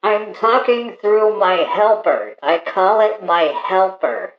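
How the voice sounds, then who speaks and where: A man's voice: sits high, voice pushed up. A man putting on the voice of a touchy male caller who talks through a paper towel tube and hates being talked over. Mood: plain, defensive. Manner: defensive, quickly takes offense. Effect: talking through a paper towel tube. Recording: hollow muffled echo through a cardboard tube.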